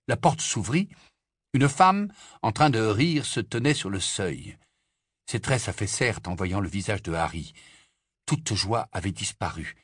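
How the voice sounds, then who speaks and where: A man narrating an audiobook with expressive storytelling. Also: on the low side, husky, no room sound, clean studio sound. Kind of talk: scripted narration.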